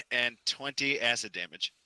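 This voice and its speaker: A man's voice: mid-range voice, unhurried, pushed and bright, clean tone. A man running a tabletop game as dungeon master, giving dry rulings and often laughing.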